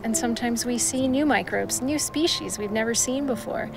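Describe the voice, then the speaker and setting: A woman's voice: fairly high pitch, normal speed, gravelly, noisy background. A woman speaking as a scientist, explaining her research in an unscripted documentary interview. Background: music under the voice.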